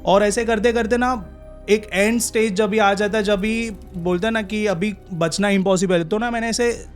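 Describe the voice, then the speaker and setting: High-voiced young man telling a story. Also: fairly even intonation, faint music behind. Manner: halting, drawn-out pauses and restarts. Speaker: podcast guest. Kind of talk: casual storytelling in an interview.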